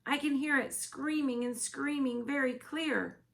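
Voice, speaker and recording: A woman voicing a gentle, big-eared male giant who talks earnestly in mixed-up, ungrammatical words. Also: sits high, steady tone, a little slow, vocal fry, pitched above the performer's own voice, exaggerated voice.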